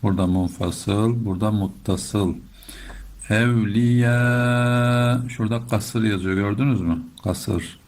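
A middle-aged man teaching Quran recitation step by step, explaining patiently and chanting verses slowly. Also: on the low side, steady tone, mellow. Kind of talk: slow step-by-step recitation lesson.

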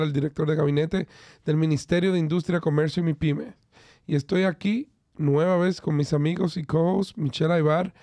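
A man's voice: on the high side, mellow, no echo. Man hosting a podcast. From Dominican Republic. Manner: friendly, mixes in English phrases. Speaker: podcast host. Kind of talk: casual podcast interview.

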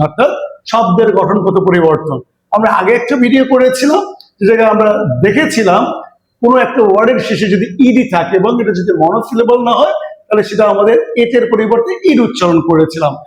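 A man with a high, light voice teaches a pronunciation lesson in a roomy, echoing space. He works through word lists deliberately, repeating each item and asking his students questions as he goes. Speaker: English teacher. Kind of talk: spoken language lesson. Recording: roomy echo.

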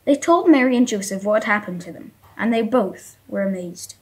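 A woman reading the end of a nativity story aloud for a church community video, steady and plain. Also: medium pitch, fairly quick, rough recording. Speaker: story reader.

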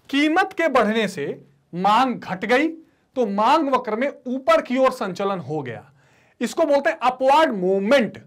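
A man's voice: very high voice, a bit bright. A male economics teacher giving an online lecture, mixing in English terms and voicing his students' replies before answering them himself. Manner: call-and-response teaching, asks students to repeat terms.

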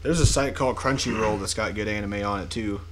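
Young male co-host, mid-range voice, relaxed and rambling, easy chuckle. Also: on the low side, fairly quick, background noise. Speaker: podcast co-host. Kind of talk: casual joking chat.

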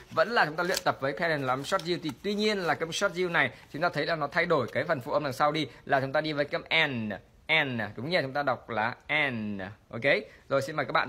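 A man teaching English pronunciation in an online lesson, explaining quickly and then reading sentences slowly with long vowels. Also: fairly high pitch, bright, forceful tone, husky.

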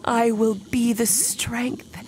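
A vengeful undead bride from a horror audio play. She speaks extremely slowly and solemnly, sinking into whispers. There is a light noise behind her. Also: on the high side, steady tone. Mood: grim resolve. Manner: slow, solemn, dramatic, lapsing into whispers. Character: Bride of Frankenstein, vengeful undead created woman. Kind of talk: audio horror drama acting. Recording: noisy background.

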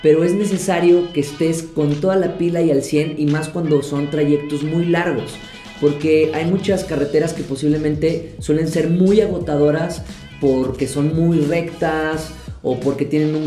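A man's voice: a little high, steady tone, moderate pace, warm tone, echoey room, soft background music. A young man vlogger casually explaining road trip tips from a living room couch. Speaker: travel vlogger. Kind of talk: casual advice to camera.

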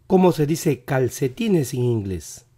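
A male teacher running a vocabulary quiz lesson, repeating each English word slowly and carefully, his voice not fully recovered. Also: mid-range voice, sing-song, mellow, slightly rough.

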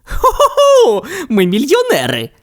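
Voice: medium pitch, wildly swooping pitch, normal speed, pitched above the performer's own voice. A storyteller voicing a greedy, hot-tempered tomcat who talks in a blustering, bossy way. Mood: gleeful. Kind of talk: storybook character voice.

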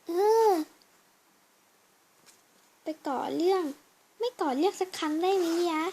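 Very high-pitched woman acting a fan drama. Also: a little fast, darkish tone, a little hiss or hum. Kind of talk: fan voice drama with many roles.

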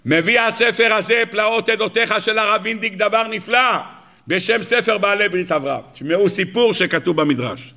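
A middle-aged rabbi teaches a Torah lesson in a high, bright voice. Gravelly fry runs through his speech. He tells stories with animation and keeps turning to his listeners with rhetorical questions.

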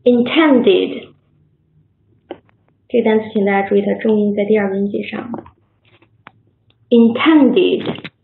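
A woman's voice: mid-range voice, completely flat delivery, racing, gravelly, few pauses, slight background noise. A woman teaching an English vocabulary lesson on a video call, encouraging and praising her students and drilling words by repetition. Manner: drills words by repeating them. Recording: tinny phone-like line, echoey room.

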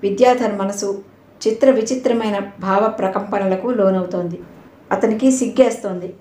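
A woman narrating an audio novel in a measured storytelling manner. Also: medium pitch, dark tone. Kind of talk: scripted narration. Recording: roomy echo.

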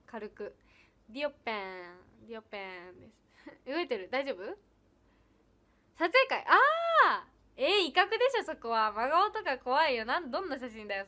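A young woman, chatting casually on her livestream as she reads viewer comments. Her voice sits high and sounds bright. She giggles often and keeps thanking people. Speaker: idol livestreamer.

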